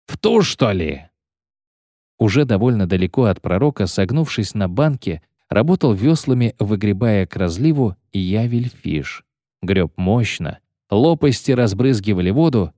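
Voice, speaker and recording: A man narrating a fantasy novel in an expressive, dramatic reading. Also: fairly low pitch, normal speed, dry recording, studio quality. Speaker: audiobook narrator.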